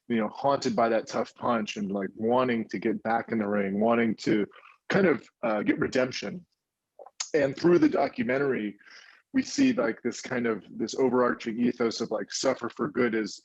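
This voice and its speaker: A man in his thirties, an indie film producer telling stories in a casual interview, animated and rambling with many restarts. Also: mid-range voice, creaky, no echo, lo-fi sound.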